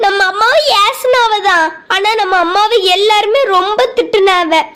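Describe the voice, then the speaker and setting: A woman's voice: very high voice, unhurried, sharp tone, full character voice. A woman voicing a caring, bossy teenage girl in a cartoon, who talks urgently and tries to persuade.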